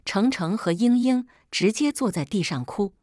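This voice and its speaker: A woman reading a family drama story aloud as narrator in an even storytelling manner. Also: mid-range voice, normal speed, no room sound, clean studio sound.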